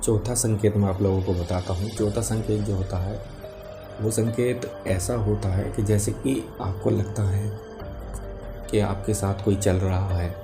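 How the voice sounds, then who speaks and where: A man speaking as a spiritual teacher, explaining devotional matters to viewers in a calm, gentle and patient way. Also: deep voice. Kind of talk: spoken religious explainer to viewers. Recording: music behind the voice. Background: music.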